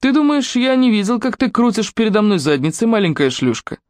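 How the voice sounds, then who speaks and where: A woman's voice: mid-range voice, very animated, a little fast, dry recording, pitched above the performer's own voice, lightly acted. Woman narrator doing a creepy stepdad, sweet wheedling voice that turns nasty, dry close sound. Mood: menacing. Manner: wheedling, honeyed voice turning to threatening shouts. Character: abusive middle-aged stepfather, honeyed then menacing.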